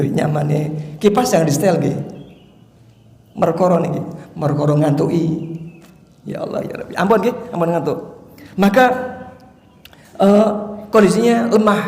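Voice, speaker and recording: Javanese male preacher, high and animated, booming hall reverb. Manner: animated storytelling, mixing Javanese and Indonesian, joking with the audience. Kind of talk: dawn mosque lecture. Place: mosque. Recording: echoey hall with long reverb.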